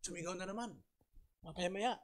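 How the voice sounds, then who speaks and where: A man's voice: sits high, a little fast. A male pastor preaching earnestly, telling a story with rhetorical questions and closing in prayer.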